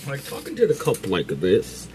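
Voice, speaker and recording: A man's voice: fairly low pitch, huge pitch swings, normal speed, music in the background. A man putting on a menacing masked villain voice, talking into a soda can that muffles it. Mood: mock menacing. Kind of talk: joking podcast banter.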